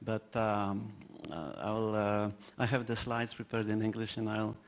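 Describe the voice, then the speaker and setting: A native Polish speaker with a Polish accent, this man gives a halting conference presentation full of fillers, restarts, and self-deprecating anecdotes. His voice is lowish and steady in tone.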